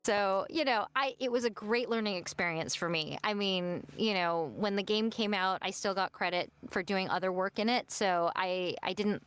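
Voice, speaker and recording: A woman's voice: mid-range voice, moderate pace, few pauses, a bit bright, smooth, faint music behind. A young adult woman, a voice actress guest, telling work stories in casual stream chat and laughing often. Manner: chatty storyteller, laughs often.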